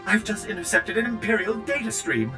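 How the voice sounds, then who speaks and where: An actor playing a prim, fussy male servant droid in a video game, with a polished, too-smooth android delivery. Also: high-pitched, lively intonation, a little fast, music in the background. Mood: urgent. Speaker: game character.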